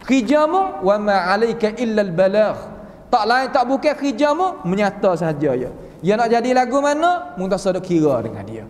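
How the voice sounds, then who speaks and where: A man with a Kelantan-Patani Malay accent giving a Quran commentary lesson as a religious teacher, folksy and full of rhetorical questions. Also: sits high. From southern Thailand (Patani). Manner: folksy, asks rhetorical questions, acts out quoted voices. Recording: long reverb of a large hall.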